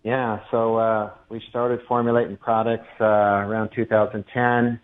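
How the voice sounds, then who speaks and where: A low-pitched man speaks on a call-in radio show, his voice coming through a narrow, tinny phone line. He talks in a relaxed, halting way, filling his many pauses with "uh" as he explains things. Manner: hesitant, many "uh" fillers. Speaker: caller, local business owner. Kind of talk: casual call-in chat. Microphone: telephone.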